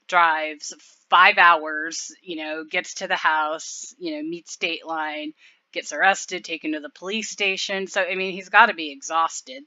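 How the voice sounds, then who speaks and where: Chatty woman commentator, filler-heavy, bright tone, dull dry recording. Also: lowish voice, no echo. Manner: rambling, lots of fillers. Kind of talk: casual video commentary.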